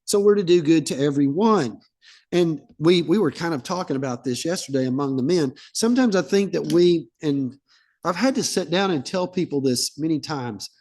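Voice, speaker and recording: A pastor preaching a sermon. He speaks in a slightly high voice and keeps it conversational. He tells stories and acts out short exchanges as he goes. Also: lively intonation, moderate pace, darkish tone.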